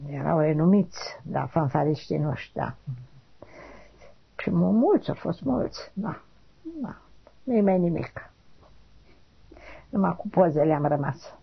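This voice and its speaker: An elderly woman, recalling things in a halting way. Her voice is low, gravelly and husky, and she keeps repeating little affirmations before fading off. The recording is dull and lo-fi. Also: expressive. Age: 80s. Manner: halting, repeats short affirmations, trails off quietly. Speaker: interviewee. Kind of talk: oral history interview.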